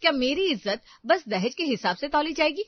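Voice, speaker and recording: A woman voicing a resentful young elder daughter-in-law in a cartoon family story, complaining in sharp retorts. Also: high-pitched, big pitch swings, brisk, dry recording. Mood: indignant. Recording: dry, dull lo-fi voice track.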